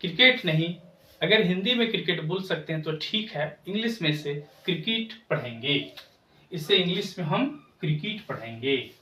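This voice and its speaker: A man teaching English pronunciation, speaking slowly and repeating each word to correct common mistakes. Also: high-pitched, expressive, sharp tone. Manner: slow, repetitive, corrective. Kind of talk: pronunciation lesson to camera. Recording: echoey room, voice from a distance.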